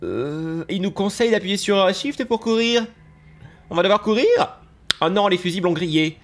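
A young man with a nasal, stuffy voice giving excitable let's-play commentary over a game, gasping and exclaiming as he goes. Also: high voice, moderate pace. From France. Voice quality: nasal from allergies. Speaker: gaming YouTuber.

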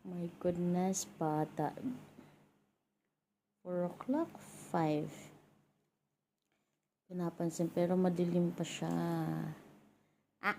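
A woman's voice: fairly low pitch, very slow, long pauses, mellow, a little hiss or hum. A young mother vlogging at home, cooing baby talk to her little child. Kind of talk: casual family vlog.

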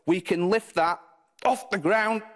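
A British man in his thirties works as a shopping channel product demonstrator, walking viewers through a live home shopping demo step by step. His high-pitched, unhurried voice is instructive and reassuring, repeating set phrases. He moves about indoors in a television studio as he demonstrates.

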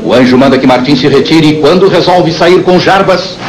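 An actor playing the dramatic, declamatory narrator of an old radio adventure serial. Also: male voice, a little high, brisk, lightly acted. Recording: roomy, very noisy old radio recording.

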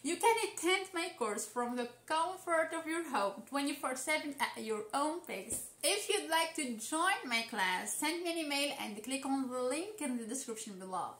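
A woman's voice: high voice, expressive, moderate pace, few pauses, fairly bright tone, echoey room. A young woman from Tunisia who teaches English, introducing herself to camera in an earnest, motivational way from an indoor room. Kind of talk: scripted self-introduction to camera. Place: indoor room, seated in office chair.

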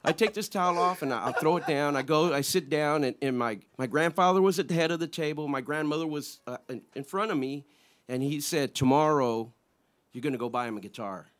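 A man's voice: a little high, brisk, a bit bright, a little hiss or hum. A man in the band telling a childhood story casually and animatedly, acting out the people he quotes. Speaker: band guitarist.

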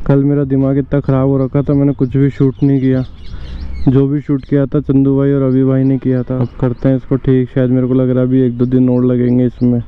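A man's voice: medium pitch, clear, resonant tone. A man casually narrating a motorcycle vlog to his viewers while riding through city roads. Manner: chatty, addresses viewers informally. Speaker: motovlogger. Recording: tinny, with loud traffic and wind noise.

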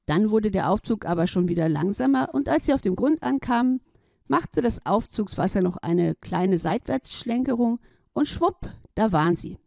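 A woman reading a children's story aloud in a playful, lively way. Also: medium pitch, normal speed, gravelly, no echo, studio quality.

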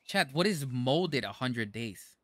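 A man casually commenting on his gameplay to his chat, excitable, with sudden outbursts and stammers. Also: medium pitch, slow pace, no room sound. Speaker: gaming streamer.

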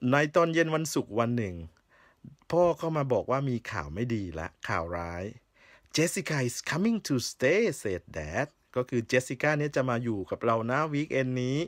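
A man teaching a bilingual reading lesson, reading English slowly and deliberately, then patiently explaining each phrase. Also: medium pitch, dry recording, clean studio sound. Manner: patient, repeats "นะครับ" often.

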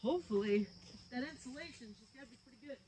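A woman's voice: high voice, animated, fast talker, mellow, slight background noise. A woman vlogger chatting casually, heard faintly and muffled through a wall from outside the room. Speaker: DIY vlogger. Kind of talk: casual chat.

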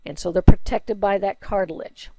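A woman teacher with a dark tone and fairly even intonation speaks at normal speed in a recorded slide lecture with no echo. Her chatty explanations lean on everyday examples and questions, and she calls herself a low alto singer.

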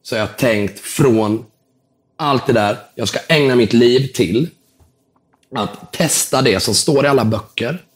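A man, a guest entrepreneur in a casual interview, telling an animated story and acting out the dialogue, dropping in English words and the odd swear. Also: medium pitch. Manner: casual, swears now and then.

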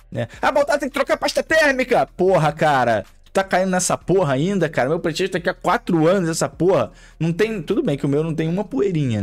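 A man's voice: mid-range voice, darkish tone. A man with a Brazilian Portuguese accent ranting to camera about gaming in a profane, sarcastic way, mocking viewers. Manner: profane, sarcastic, mocks viewers in put-on voices. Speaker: gaming YouTuber. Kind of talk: opinion rant to camera.

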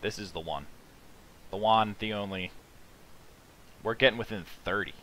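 A man's voice: lowish voice, moderate pace, sharp tone, a little hiss or hum. A man hosting a casual let's play, thinking aloud with rambling, self-mocking asides. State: sleepy, yawning at the start. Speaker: gaming channel host.

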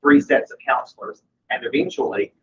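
A man's voice: mid-range voice, moderate pace, a bit bright, highs cut off. A man, the school principal, giving an upbeat and informal staff update at a board meeting. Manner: upbeat, informal, many fillers. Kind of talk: status report at a meeting. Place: conference room.

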